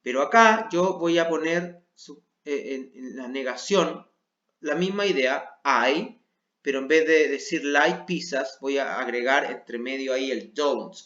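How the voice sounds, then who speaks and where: A man's voice: medium pitch, a little slow, fairly bright tone. A man with a Chilean Spanish accent teaching English to adults, walking patiently through a worksheet and checking in with his students often. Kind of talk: explaining a worksheet. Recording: dull, roomy lo-fi sound.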